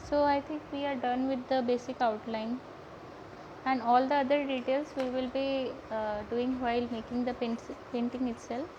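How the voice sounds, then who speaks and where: This high-pitched young Indian woman, an Odia speaker from Odisha, keeps a steady tone at normal speed, though she hesitates, stumbles and repeats herself. As an art live-stream host and painting teacher, she runs a relaxed live painting lesson with chat. Her audio is dull, lo-fi and very noisy.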